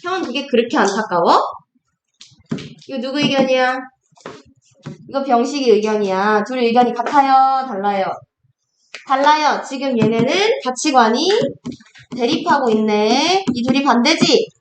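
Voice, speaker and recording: A woman tutoring a class in Korean literature, lecturing briskly and acting out characters' lines as she explains, with questions to her students. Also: sits high. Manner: lively, acts out characters' lines in quotes, asks students questions. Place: classroom at a cram school. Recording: echoey classroom, faint noise.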